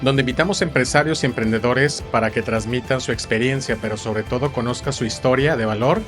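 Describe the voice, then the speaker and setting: A man's voice: mid-range voice, fairly quick, music in the background. A man hosting a business podcast, welcoming guests formally and asking questions with frequent fillers. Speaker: podcast host.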